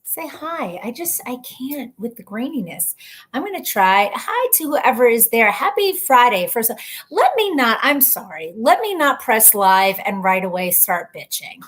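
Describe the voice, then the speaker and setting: A woman's voice: a little high, sing-song, a little slow, a bit bright. Chatty woman hosting a home livestream. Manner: chatty, self-deprecating, greets viewers by name. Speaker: livestream host. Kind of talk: casual live-stream chat. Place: at home, indoors. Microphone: computer webcam mic.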